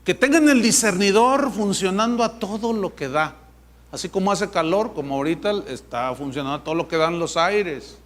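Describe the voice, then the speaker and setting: High-voiced pastor preaching. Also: male voice, animated, normal speed. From Mexico. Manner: emphatic, conversational, mocking. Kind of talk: sermon. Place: church with a live congregation.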